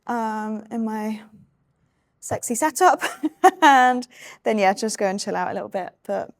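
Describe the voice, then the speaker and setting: A tired woman, rambling casually in a vlog with lots of fillers and soft laughs. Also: on the high side, animated, measured pace. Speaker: vlogger and fitness competitor in contest prep. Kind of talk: casual vlog talk to camera.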